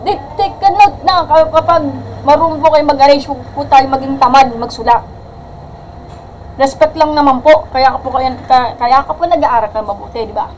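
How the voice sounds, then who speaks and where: A woman math teacher giving a live-streamed algebra lesson in a loud voice that sounds angry, mixing English terms in and checking with "gets?". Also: high voice, normal speed, slight background noise, rough recording. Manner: mixes English terms into Filipino, asks "gets?".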